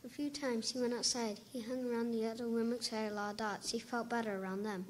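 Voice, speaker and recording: A woman reading a storybook aloud on stage at a school program, plain and steady. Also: a little high, fast talker, a little hiss or hum. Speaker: student narrator.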